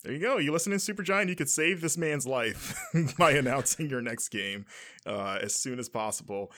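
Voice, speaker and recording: Bright-voiced male podcast host. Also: medium pitch, moderate pace. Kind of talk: casual hosting chat.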